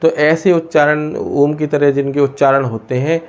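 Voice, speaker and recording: A man teaching a lesson from India, pausing often and asking questions he then answers himself. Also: fairly high pitch, fairly even intonation. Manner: asks and answers his own questions, many hesitations. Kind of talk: explaining a lesson.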